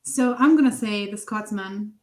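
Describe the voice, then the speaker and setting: A woman's voice: mid-range voice, moderate pace, a little mellow. A woman on a casual group call as a guest artist, playful and teasing.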